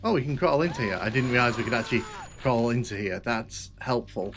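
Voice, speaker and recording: With music playing behind him, a young northwest English man chats rapidly through casual gameplay commentary, rambling and poking fun at himself. His medium-pitched voice has lively intonation and a fairly quick pace.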